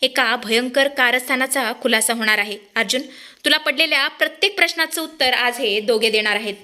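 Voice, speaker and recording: A determined middle-aged aunt from a retold soap story, caring at home and sharp with suspects, as a woman reads her lines. The voice is high and bright. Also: fairly quick. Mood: suspicious. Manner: warm to family, sharp when suspicious.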